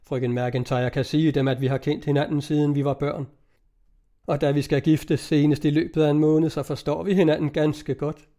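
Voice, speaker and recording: A man's voice: fairly high pitch, little pitch movement, mellow, close to an everyday voice. A man reading aloud, voicing a forthright young naval officer in an old-fashioned storybook. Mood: cheerful.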